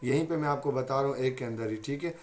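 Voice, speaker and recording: A man's voice: mid-range voice, fast talker, a little mellow. A man with a Pakistani Urdu accent teaching a Quran recitation lesson, patiently repeating each point and saying letters aloud as examples.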